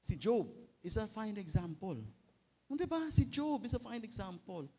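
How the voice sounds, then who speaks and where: A middle-aged man with a Filipino accent preaching a sermon in a lively, joking way, often tagging lines with quick questions to the congregation. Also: high-pitched. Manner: lively, joking, mixes in English with rhetorical tags. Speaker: pastor.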